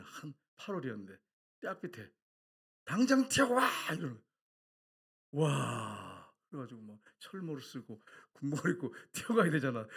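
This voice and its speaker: A middle-aged male pastor preaching a sermon, telling stories with lively energy and shouting out the lines he quotes. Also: mid-range voice, slightly rough. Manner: animated storytelling with shouted quotes.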